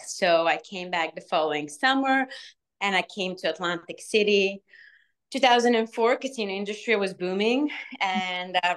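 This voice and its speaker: Bulgarian woman in her 40s, lowish voice, lots of um's, earnest interview talk. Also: a bit bright. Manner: earnest, many "um" pauses. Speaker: alumna guest, restaurant manager. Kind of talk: interview answers.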